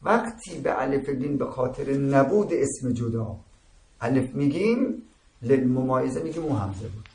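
With lively intonation and a darkish tone, a man in the mid range teaches a seminary class. He lays out a religious lesson step by step, often checking understanding with "درست شد؟", and the recording has an echoey room with faint ambient noise.

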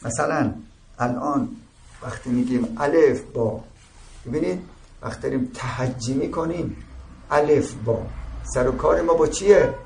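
Gravelly-voiced man lecturing in an echoey room. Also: mid-range voice, pauses often, darkish tone. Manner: explaining with frequent checks "درست شد؟". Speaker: seminary teacher. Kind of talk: religious seminary lecture. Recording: echoey room with faint ambient noise.

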